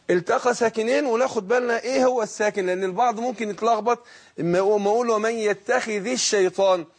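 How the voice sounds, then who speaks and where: A middle-aged man with an Egyptian accent teaching Quran recitation on a call-in lesson, patiently explaining and drawing out the recited words slowly. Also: sits high, slightly rough. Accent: Egyptian Arabic.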